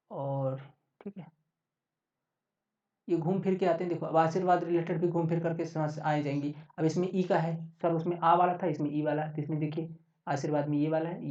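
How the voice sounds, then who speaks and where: A man's voice: fairly high pitch, dark tone. A man teaching an exam-prep lesson in a casual, chatty way, often checking in with his listeners. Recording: roomy, distant, dull sound.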